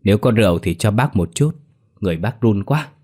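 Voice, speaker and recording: A rattled middle-aged village man, voiced by the male narrator. His voice sits only a little above the storyteller's own, and he speaks quickly with a pleading edge. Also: lowish voice, expressive, a little mellow. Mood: shaken.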